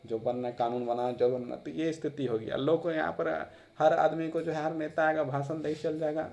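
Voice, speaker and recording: A man's voice: on the high side, flat delivery, normal speed, vocal fry, a little mellow. A man giving a classroom lecture in a conversational way, repeating phrases for emphasis. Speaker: teacher.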